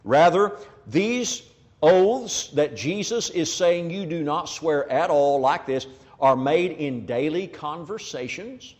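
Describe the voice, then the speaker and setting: A man delivers a sermon at an unhurried pace, his pitch rising and falling widely as he acts out imagined exchanges. His voice sits a little higher than most men's. The sound carries a long, echoing hall reverb. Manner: animated, acts out imagined dialogues. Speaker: preacher.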